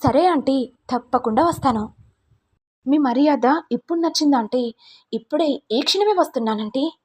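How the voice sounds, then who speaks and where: A woman's voice: sits high, lively intonation, a little mellow, pitched above the performer's own voice. A woman voicing a smug young male blackmailer, speaking in a taunting, mocking tone while retelling a serial. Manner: taunting, drawn-out mock politeness. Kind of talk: storytelling recap of a serial.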